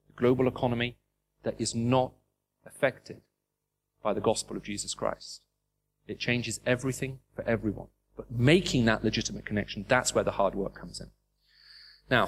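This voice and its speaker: A man's voice: medium pitch, a little hiss or hum. A middle-aged man with a British English accent, preaching a sermon to a live audience, emphatic and full of rhetorical questions. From raised in the Middle East.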